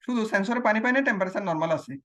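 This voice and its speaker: A man's voice: high voice, racing, pushed and bright. A man teaching logic gates, asking questions, answering them himself and repeating key phrases. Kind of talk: explaining logic gates on a screen demo.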